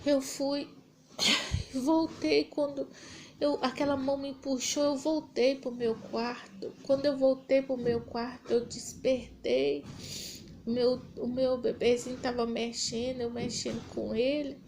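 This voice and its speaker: A woman's voice: sits high, flat delivery, a little slow, mellow, slight background noise. A woman giving a fervent, repetitive religious testimony, breaking into prayer as she tells it. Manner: fervent, repetitive, prays aloud mid-story. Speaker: church member giving testimony.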